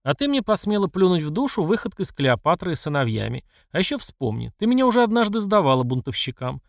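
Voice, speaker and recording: A man's voice: sits high, very animated, fast talker, creaky, dry recording, studio quality, voice pushed up, exaggerated voice. A man voicing a furious middle-aged emperor who scolds and accuses his mother. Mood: angry. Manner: angry and accusing.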